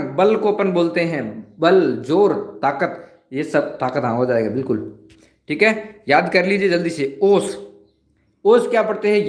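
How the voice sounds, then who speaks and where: A man's voice: sits high, reverberant. A man teaching a live online class, asking questions and repeating each word.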